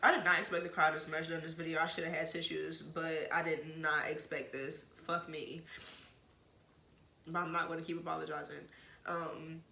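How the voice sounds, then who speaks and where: A woman's voice: deep voice, flat delivery, moderate pace, gravelly, bright, forceful tone, a little hiss or hum. A woman vlogger frankly telling an emotional personal story in casual talk, with plenty of swearing and rambling asides. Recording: roomy echo.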